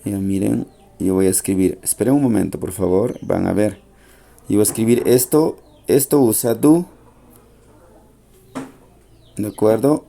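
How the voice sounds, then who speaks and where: A man teaching an English grammar lesson in Spanish. He is patient, repeats the key points and slows down for the English example sentences. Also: lowish voice, gravelly, warm tone, a little hiss or hum.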